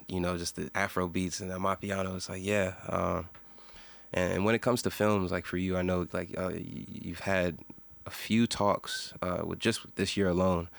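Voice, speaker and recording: A male interviewer with a deep, gravelly voice asks rambling, hesitant questions in an even, flat delivery. The sound is dry and close. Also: dry recording. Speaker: host, interviewer. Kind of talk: casual interview.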